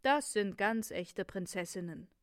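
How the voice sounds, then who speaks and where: A woman's voice: medium pitch, a little slow, no room sound, studio quality, lightly acted. A woman reading a smiling magician in a tailcoat. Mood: composed.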